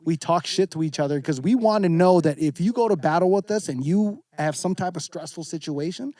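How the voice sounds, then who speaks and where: A man talking as a guest on a casual podcast, animated and profane, slipping into mocking voices. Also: a little high, brisk. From former Navy serviceman.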